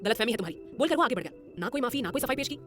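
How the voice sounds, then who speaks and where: Brisk woman narrating an audio drama. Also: sits high, soft background music. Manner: brisk, expressive.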